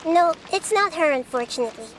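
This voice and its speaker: An actress voicing a small, childlike goddess of wisdom in a video game, gentle, precise and composed. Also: female voice, very high-pitched, animated, a little fast, slight background noise, rough recording. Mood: matter-of-fact. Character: small childlike female deity of wisdom, calm, perceptive.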